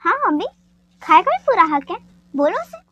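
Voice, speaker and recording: A woman voicing an anxious, caring young woman who is quick to anger, with a pleading, emotional manner, in a fan dub drama. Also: very high-pitched, big pitch swings, a bit bright, exaggerated voice. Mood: fond.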